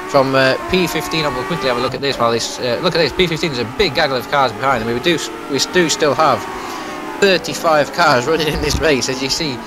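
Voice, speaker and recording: A man's voice: mid-range voice, quick pace, background noise. A man giving live motorsport race commentary.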